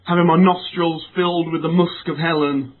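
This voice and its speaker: A man co-hosting a deadpan comedy sketch, hesitant and stammering, over a phone-like lo-fi recording. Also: on the high side, moderate pace. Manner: hesitant, stammering, mock-glum. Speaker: co-host. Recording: phone-like lo-fi sound.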